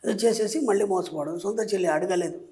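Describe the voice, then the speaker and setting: A man's voice: high-pitched, fast, mellow. A man, a spiritual teacher and guest, giving advice in an explanatory way and often stopping to check that the listener understands. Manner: keeps checking understanding with rhetorical questions.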